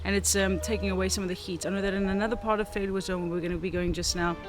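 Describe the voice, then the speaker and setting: A Dutch woman who vlogs about travel and hiking chats and narrates with enthusiasm and informality, her mid-range voice rapid-fire with little pitch movement. Music plays behind her.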